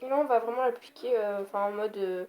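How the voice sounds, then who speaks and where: A woman's voice: medium pitch, fast talker, darkish tone. A young woman giving a casual, rambling makeup tutorial at home, easily annoyed. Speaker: beauty vlogger. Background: faint noise of passing cars.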